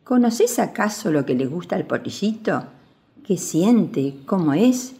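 A woman voicing a gentle, wise old grandfather in a children's storybook, speaking softly and patiently. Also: on the low side, sing-song, measured pace. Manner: soft, kindly and patient.

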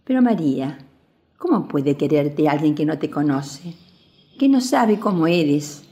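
A woman voicing a gentle, wise old grandfather in a children's storybook, speaking softly and patiently. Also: deep voice, very animated, a little slow. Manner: soft, kindly and patient.

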